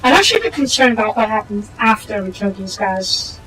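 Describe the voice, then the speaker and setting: A woman plays through a video game and talks her moves through in a loose, casual way. Her voice sits in an ordinary middle range. She reads the game's text aloud and sometimes trips over a word, while soft game music plays underneath. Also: mid-range voice, sing-song, brisk, husky, low-quality recording. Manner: chatty, thinking aloud, stumbling over read-out text. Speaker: game streamer.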